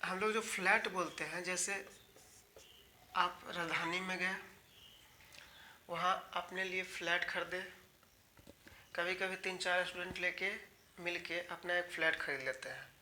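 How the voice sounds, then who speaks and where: A man's voice: high voice, fairly even intonation, a little slow, long pauses, bright, forceful tone, slight background noise. A man from India teaching English grammar in an online class, explaining patiently and talking straight to his students, often repeating key words.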